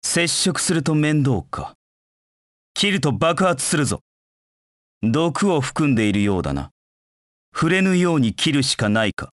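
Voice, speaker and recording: Shadow, a haughty, slow-spoken hedgehog knight. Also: male voice, a little high, big pitch swings, dry recording, studio quality. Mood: cool, watchful. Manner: arrogant, curt, disdainful. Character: proud, cold anthropomorphic hedgehog knight, a brooding young male rival. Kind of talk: Japanese video game battle voice clips.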